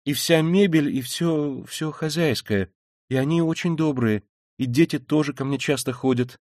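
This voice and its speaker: A timid young woman with a pleading, breathless manner, as a male narrator lifts his voice for her. Her lines climb higher than the reader's own low tone and tumble out in anxious bursts. The sound is close and dry. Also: darkish tone, no echo, natural voice. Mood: earnest. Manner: hurried, breathless, rising into agitated pleading. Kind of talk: audiobook character reading.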